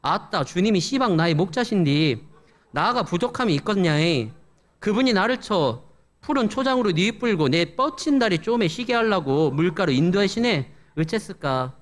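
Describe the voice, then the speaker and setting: A man's voice: sits high, very animated, normal speed. A man playing a folksy, opportunistic male Levite priest who talks in broad Jeolla dialect.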